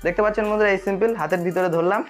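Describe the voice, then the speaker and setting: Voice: mid-range voice, fairly even intonation, rapid-fire, soft background music. A magician host explains a tutorial straight to viewers, often checking that they are following.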